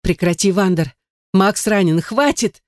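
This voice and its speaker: A man voicing a distraught young woman who shouts and pleads shrilly in an audiobook. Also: sits high, unhurried, dry recording, clean studio sound, pitched above the performer's own voice. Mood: distraught shouting.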